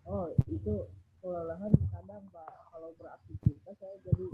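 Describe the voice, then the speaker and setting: Man acting as higher-voiced, hesitant patient, muffled audio. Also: fairly even intonation, moderate pace, very noisy, natural voice. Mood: polite, hesitant. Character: polite middle-aged male patient reporting his symptoms. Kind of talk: role-played patient call. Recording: dull lo-fi call audio.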